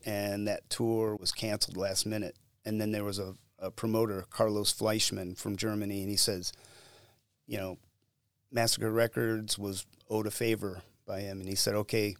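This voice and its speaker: A middle-aged man tells stories in a gravelly voice that sits low. The sound is dry and close. He is animated and acts out the lines he quotes. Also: no echo. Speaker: musician guest. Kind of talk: casual storytelling interview.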